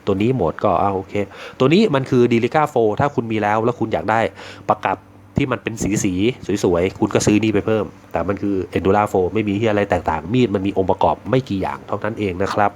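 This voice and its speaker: Joking, rambling Thai-style shop talk from a lower-voiced man. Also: fairly quick, a little mellow, slight background noise. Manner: joking, rambling, swears freely, acts out little dialogues. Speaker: knife shop owner reviewing knives. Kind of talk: casual product chat.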